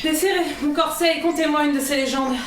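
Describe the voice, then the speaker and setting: A woman's voice: high voice, steady tone, quick pace, lightly acted. A woman acting a young queen in a costume stage drama, formal and curious. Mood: formal, intrigued. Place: theatre stage in Paris. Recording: echoey stage, distant mic, noisy birdsong.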